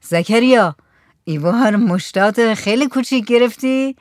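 A woman's voice: a little high, darkish tone, no echo, clean studio sound, lightly acted. A woman voicing a commanding village headman in a storybook reading.

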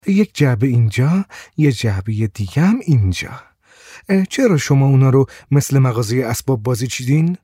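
A man voicing a gentle, shy blind woman who speaks softly and hesitantly, stammering at times. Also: mid-range voice, lively intonation, slightly rough, no room sound, studio quality. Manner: soft, hesitant, stammers when upset.

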